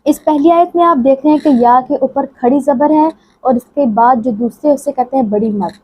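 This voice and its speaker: A woman teaching the rules of Quran recitation, explaining briskly and then reciting each verse slowly in a melodic chant. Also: high voice, dull audio. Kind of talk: tajweed lesson with chanted recitation.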